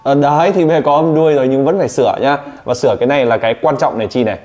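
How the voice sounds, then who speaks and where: A man teaching English pronunciation one-on-one, teasing and drilling his student with quick questions. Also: mid-range voice, a little mellow, soft background music.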